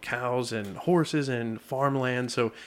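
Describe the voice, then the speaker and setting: A man's voice: mid-range voice, slow. A man in his thirties from Pennsylvania hosting an interview podcast, friendly with frequent affirming "yeah"s. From Lebanon, Pennsylvania. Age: 30s. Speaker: podcast host. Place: podcast studio.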